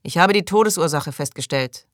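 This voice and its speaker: A man reading an audiobook, voicing an irritable, pompous male colony doctor who speaks loudly and defensively. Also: a little high, expressive, a little fast, no echo, clean studio sound. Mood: indignant. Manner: indignant, loud, defensive.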